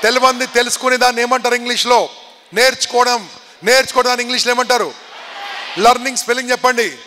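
A motivational speaker with a Telangana accent, firing repeated questions at a student audience and shouting for answers. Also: male voice, extremely high pitch, steady tone, fast talker. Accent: Telangana Telugu. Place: large hall with an audience. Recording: echoey hall, faint background noise.

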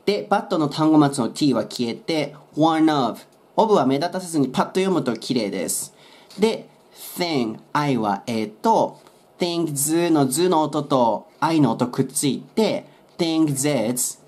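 A man's voice: a little high, animated, slow, a little mellow. A man explaining English song lyric pronunciation in a friendly, explanatory way with playful asides.

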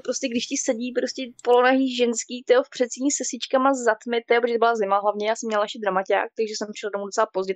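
A woman's voice: a little high, no echo. A woman casually telling a spooky childhood story on a stream, rambling and constantly padding with filler words. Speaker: guest storyteller.

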